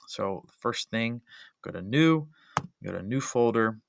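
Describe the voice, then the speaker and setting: A man's voice: on the low side, lively intonation, a little slow, creaky, a little hiss or hum. A male history teacher narrating a screen-recording tutorial as a voice-over, explaining each step methodically with frequent "uh" and "um" fillers.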